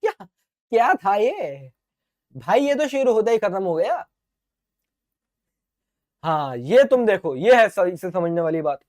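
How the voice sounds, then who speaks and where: This middle-aged physics teacher has a high voice and addresses his online exam class as his dear children, playfully answering his own questions in a student's voice. He speaks at a measured pace with long pauses. All that talking has left his throat a bit sore.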